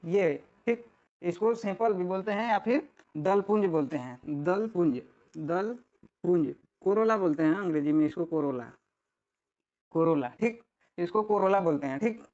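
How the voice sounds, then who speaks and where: A man with a fairly high voice teaches in a relaxed, conversational way, speaking. He repeats key terms and checks in often with his listeners. The recording sounds a little dull and lo-fi. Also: normal speed. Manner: repetitive, checks in often with filler tags. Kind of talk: casual classroom explanation.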